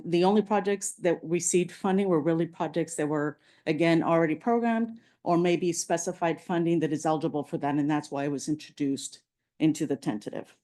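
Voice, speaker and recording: A woman gives a slide presentation at a public meeting. Her voice sits fairly low and has a warm, mellow, relaxed tone. She moves through the material steadily, with frequent "um"s and small restarts. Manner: walks through slides with many fillers. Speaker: transportation agency presenter.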